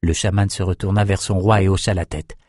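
A man narrating a dark fantasy audiobook in a measured storytelling voice. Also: low-pitched, steady tone, dry recording, studio quality.

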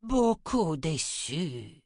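An ancient, cunning witch who draws out her words in a high, slow, chilling voice, as a male narrator puts her on. She sounds set apart from the narration, a touch distant. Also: very animated, darkish tone, no echo, studio quality, heavily acted. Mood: menacing. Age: older. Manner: slow, drawn-out, menacing. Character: ancient cunning witch mother, old woman.

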